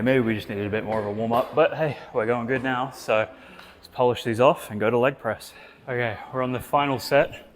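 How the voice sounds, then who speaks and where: Breathless man vlogging mid-workout. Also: mid-range voice. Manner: chatty, swears freely, breathy between sets. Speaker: fitness vlogger. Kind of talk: casual gym vlog narration. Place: indoor gym.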